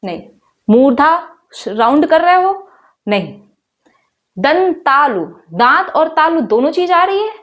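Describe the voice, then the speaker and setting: A woman's voice: sits high, big pitch swings, takes it slowly. A woman teacher going through exam questions, asking her students questions and saying each sound aloud for them to repeat. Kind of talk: exam-prep lesson.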